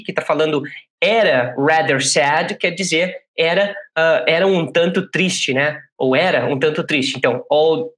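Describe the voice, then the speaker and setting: A man with a Brazilian Portuguese accent teaching English in a chatty classroom style, slowly repeating English phrases and checking in with "né?". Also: fairly high pitch, a bit bright. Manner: chatty, frequent "né?" check-ins. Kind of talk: casual classroom explanation.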